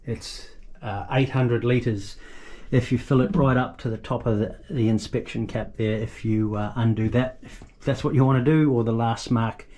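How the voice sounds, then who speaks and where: A man with a soft-edged, mellow voice at an ordinary male pitch walks through a space in an off-the-cuff way. He talks casually and haltingly, thinking aloud as he shows things. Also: fairly even intonation. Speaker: boat owner giving a tour. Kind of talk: casual unscripted walkthrough. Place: small boat engine room.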